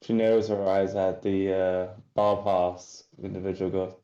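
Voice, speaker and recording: A man's voice: low-pitched, level tone, a little slow, mellow, roomy sound, lo-fi sound. A man playing a tabletop game, casually describing what his character does. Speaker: player.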